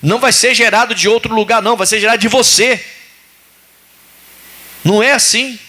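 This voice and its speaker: A male pastor, preaching a sermon in a lively way and acting out biblical voices. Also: high voice, normal speed.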